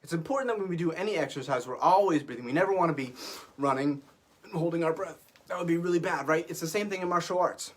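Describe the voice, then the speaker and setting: A man's voice: a little high, quick pace. A young man teaching a martial arts class to camera from an office, upbeat and coaching, a little out of breath. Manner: upbeat, coaching, counts out loud and shouts "ha" on punches. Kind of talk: guided workout class to camera. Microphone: camera facing him.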